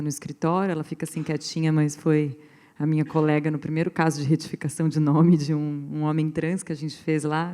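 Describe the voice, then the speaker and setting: A woman's voice: low-pitched, darkish tone. A woman lawyer with a Brazilian accent speaking on a panel, earnest and rambling, with many restarts and fillers. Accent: Brazilian Portuguese. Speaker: pro bono lawyer on a panel. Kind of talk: panel talk to a live audience.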